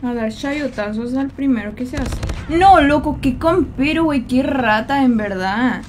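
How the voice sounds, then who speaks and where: A young Mexican woman livestreaming a game, talking to her chat in quick, slangy Spanish-flavored banter and teasing the viewers she greets. Her voice sits high. A faint hiss of noise runs underneath. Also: expressive, a little mellow. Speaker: streamer. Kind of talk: casual gaming livestream chat.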